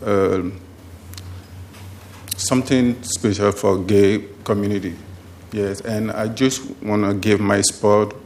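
A man from Togo with a Togolese accent gives public testimony in halting, simply phrased non-native English. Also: on the low side. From Togo, West Africa. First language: not English. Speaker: speaker giving public testimony. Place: public meeting room. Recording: faint background room noise.

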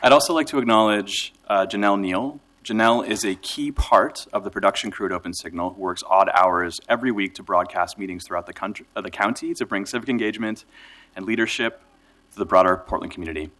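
Speaking as a nonprofit director in a council chamber, a man gives a prepared speech in a formal, measured manner. His voice sits on the low side and is a bit bright.

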